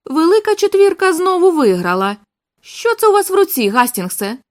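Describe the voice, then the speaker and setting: A woman reading the part of a shrewd elderly male detective who speaks in a calm, firm way. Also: extremely high pitch, moderate pace, pitched above the performer's own voice. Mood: measured.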